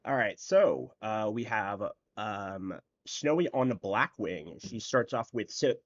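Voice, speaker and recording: A man's voice: fairly low pitch, takes it slowly, muffled recording. A man hosting an online card tournament, talking through each play in a rambling, casual way with lots of fillers. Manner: rambling, filler-heavy, explains plays as he goes. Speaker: tournament host and commentator. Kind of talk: casual live-stream commentary.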